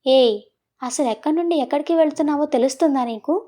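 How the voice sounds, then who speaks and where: A man's voice: very high voice, quick pace, warm tone. Woman doing a flustered, scolding young man. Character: exasperated young man fending off his cousin. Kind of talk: storybook voice acting.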